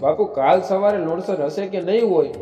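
A man's voice: high-pitched, brisk, dark tone, echoey room, big-room sound, lightly acted. A man voicing an anxious village Brahmin messenger in a spoken folk tale, urgent and pleading.

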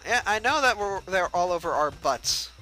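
A man's voice: sits high, lively intonation, normal speed, pushed and bright, faint music behind, poor audio. A young man giving casual, joking let's-play commentary and chatting at the game's characters. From United States. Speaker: gameplay livestreamer.

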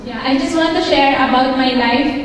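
A woman in her thirties from the Philippines, preaching with frequent pauses and laughs while being interpreted. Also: sits high, slight background noise. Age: 30s. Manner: hesitant, self-deprecating, laughs often. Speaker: guest preacher. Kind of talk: sermon with live interpretation. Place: church stage. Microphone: handheld mic, far camera. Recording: echoey hall from far off.

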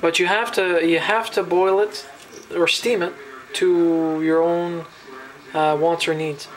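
This rough recording shows a rambling home cook from New Brunswick, Canada, speaking slowly in a fairly high voice. It's a laid-back cooking vlog from his kitchen, shot on a handheld camera, with many fillers and false starts.

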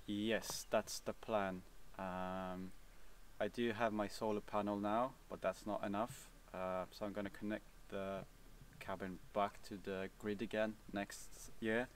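A young man with a Swedish accent answers viewer questions outdoors in a relaxed, hesitant way, with many fillers and restarts. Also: lowish voice, a little slow, distant mic, a little hiss or hum. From Sweden. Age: young adult. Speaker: vlogger. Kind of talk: casual Q&A answers. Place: outdoors, seated on a cabin bench by woods.

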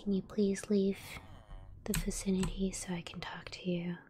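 A woman's voice: mid-range voice, little pitch movement, normal speed, noisy background. A woman streamer in a whispered gaming livestream, mostly whispering as she chats with viewers while playing. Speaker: ASMR streamer.

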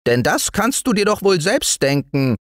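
A man voicing a small gray male forest dwarf in a bedtime storybook, with a thin, high voice and a scolding manner. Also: moderate pace, dry recording, studio quality. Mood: earnest. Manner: scolding, lively. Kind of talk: storybook reading.

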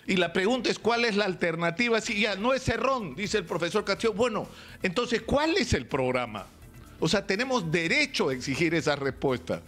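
A man's voice: high-pitched, a bit bright. An older man with a Peruvian accent giving emphatic live opinion commentary in a small radio studio, close to a stand mic, gesturing and firing off rhetorical questions. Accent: Peruvian Spanish. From Peru.

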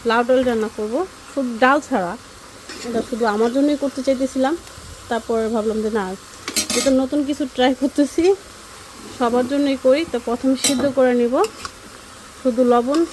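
A woman's voice: fairly high pitch, background noise. A woman, chatting casually and rambling with many fillers as she vlogs while cooking at home. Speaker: vlogger. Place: home kitchen and yard.

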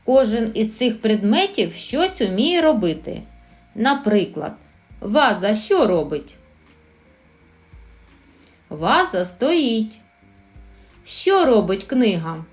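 Slow, sing-song woman teaching small children. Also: a little high, sing-song. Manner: slow, sing-song and encouraging, drawing out sounds. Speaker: preschool teacher. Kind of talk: recorded lesson for young children.

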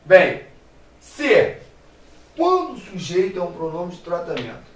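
A male teacher with a Brazilian accent gives a playful, animated grammar lesson, asking and answering his own questions. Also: high voice, fairly quick, roomy sound, far from the mic, poor audio. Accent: Brazilian Portuguese.

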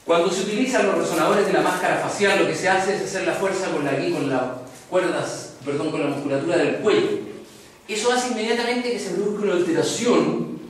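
A man's voice: very echoey, distant mic, slight background noise, low-quality recording. A Chilean man teaching an online course on voice projection, demonstrating voices as he lectures. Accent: Chilean Spanish. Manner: demonstrates voices, shifting pitch and tension to illustrate. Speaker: voice and speech instructor.

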